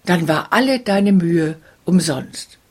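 A woman's voice: lowish voice, expressive, slow pace, husky, full character voice. A woman reading as a sorrowful cursed princess. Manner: soft, sorrowful, partly whispered. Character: sad cursed young princess.

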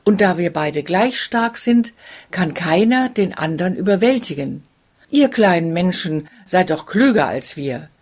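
A woman voicing two quarrelling male giants in a storybook, in a slow, breathy reading voice. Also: on the low side, animated, darkish tone. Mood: persuasive.

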